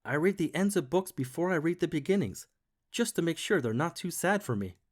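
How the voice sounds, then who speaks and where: A man's voice: on the high side, lively intonation, fairly quick, voice pushed up. A man doing Dill Prickle, a timid little hedgehog. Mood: shy. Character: timid, gentle male hedgehog.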